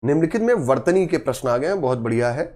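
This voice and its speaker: A man's voice: mid-range voice, animated, fast talker, dark tone. A man teaching a grammar lesson for exam students, quizzing his class and answering himself, repeating key words with emphasis.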